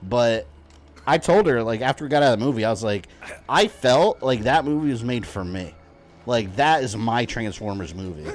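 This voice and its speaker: Lively, higher-pitched man chatting on stream. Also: normal speed. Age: 30s. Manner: fannish, rambling. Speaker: live streamer. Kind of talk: casual chat while streaming a game.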